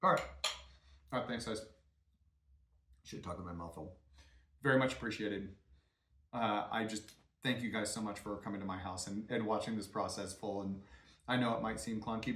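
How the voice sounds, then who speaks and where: A man hosting a home cooking video, talking through his steps in a relaxed, rambling way with many ums and uhs in his home kitchen. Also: on the low side, quick pace, reverberant. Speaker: home cooking channel host. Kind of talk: casual cooking demonstration.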